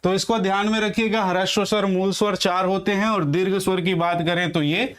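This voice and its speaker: High-voiced man teaching Hindi grammar. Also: fairly even intonation, fairly bright tone, clear, resonant tone. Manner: asks questions and answers them himself; dictates slowly word by word while writing. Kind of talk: classroom-style grammar lesson.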